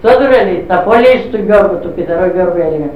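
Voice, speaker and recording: A woman's voice: fairly low pitch, a little hiss or hum. An older woman recounting memories, acting out quoted dialogue with constant "she says, I say" tags. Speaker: interviewee recalling her youth. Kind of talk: oral history storytelling. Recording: echoey, distant, dull lo-fi recording.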